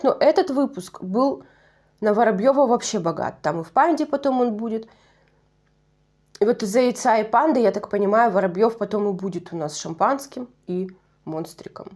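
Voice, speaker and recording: A woman with a Russian Far East accent chats her way through a solo review of a nostalgic TV show, digressing, correcting herself, and laughing at her own slips. Her voice sits on the high side with a darkish tone, and her pace is brisk.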